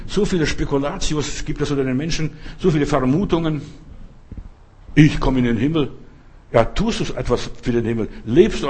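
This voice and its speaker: A man's voice: medium pitch, a little mellow, slightly rough. A man preaching a sermon, speaking emphatically and turning directly to his listeners.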